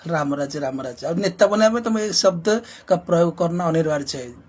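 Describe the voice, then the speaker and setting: A man speaks as a social reformer, driving his points home with repetition and rhetorical questions. His voice is husky and sits a little high for a man. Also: expressive, fairly quick, darkish tone. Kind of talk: impassioned spoken commentary.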